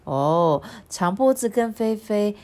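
A woman reading a children's picture book aloud, stretching out little sentence particles and sighing between lines. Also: medium pitch. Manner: expressive, drawn-out particles like 啊 and 哦, sighing fillers. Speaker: storybook reader.

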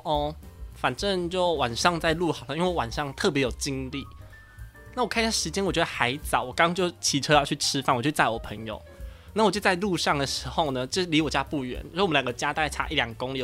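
A young man in his twenties with a Taiwanese Mandarin accent, hosting a casual podcast and telling a story in a loud, animated, ranting way. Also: fairly high pitch. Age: 20s. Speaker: podcast host.

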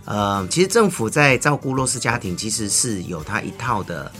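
A man hosts a casual talk show interview, talking in a lowish voice. He is chatty and laughs softly at the ends of phrases, with faint music running under him. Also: sing-song, moderate pace. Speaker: radio talk show host.

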